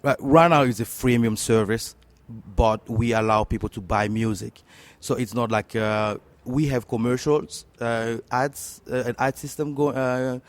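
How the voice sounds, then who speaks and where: A man from the DR Congo with a French-speaking Congolese accent, answering interview questions haltingly with many fillers. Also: mid-range voice, fairly even intonation, dry recording. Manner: halting, frequent uh fillers and restarts. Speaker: startup co-founder guest.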